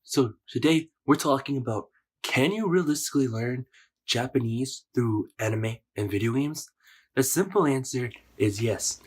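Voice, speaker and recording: An American YouTuber with a cold talks casually to the camera, his mid-range voice husky and partly gone. He speaks at a moderate pace, rambling conversationally with many fillers.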